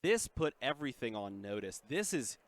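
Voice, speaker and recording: A man doing play-by-play commentary on a card game tournament, calling plays in quick excited bursts from a booth headset. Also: medium pitch.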